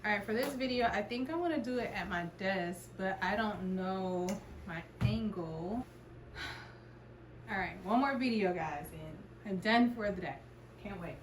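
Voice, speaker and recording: A worn-out woman in middle age talks straight to camera from her home, chatty and loose, often breaking off mid-thought and circling back. Her voice sits at an ordinary middle pitch, with a faint hiss of noise behind it. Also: measured pace. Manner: chatty, rambling and self-interrupting, thinking aloud. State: tired, out of breath at times. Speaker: content creator vlogging her routine. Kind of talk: casual vlog talk to camera. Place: at home, indoors.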